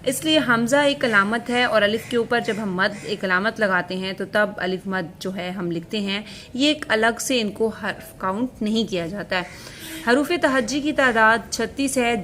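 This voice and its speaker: A woman's voice: on the high side, a bit bright, a little hiss or hum. A woman teacher with a Pakistani Urdu accent, patiently reading out letters one by one for young pupils. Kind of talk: recorded class lesson.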